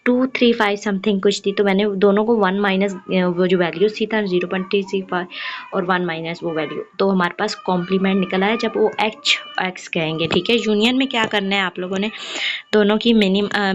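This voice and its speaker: A young woman, going slowly through exam revision as an online tutor and mixing English math terms into her speech. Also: medium pitch, dull audio, slight background noise.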